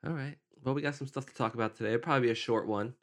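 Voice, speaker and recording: Man, podcast co-host, casual chat, offhand and joking, middling pitch, echoey room. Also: steady tone, rapid-fire, a bit bright. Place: room at home without sound absorbers.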